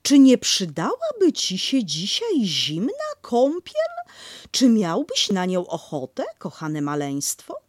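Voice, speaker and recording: A woman voicing a motherly female kangaroo who talks slowly, doting but firm, in a storybook reading. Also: mid-range voice, huge pitch swings, darkish tone, no room sound, studio quality, voice pushed up, exaggerated voice. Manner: slow, doting, bossy.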